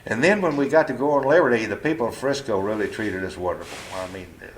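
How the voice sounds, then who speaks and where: Man in his seventies, low voice, plain-spoken, blunt, halting with restarts, home interview, faint background hiss. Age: 70s. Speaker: veteran being interviewed. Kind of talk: casual oral-history interview. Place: living room of his home.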